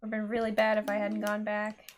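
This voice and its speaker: A woman's voice: mid-range voice, monotone, quick pace, slight background noise. A woman playing a horror game, commenting expressively and reacting aloud as she plays. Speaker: gaming streamer. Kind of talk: let's play commentary.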